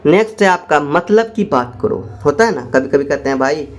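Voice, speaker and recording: A man teaching spoken English, explaining phrases in quick asides and then dictating them slowly word by word. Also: fairly high pitch, lively intonation.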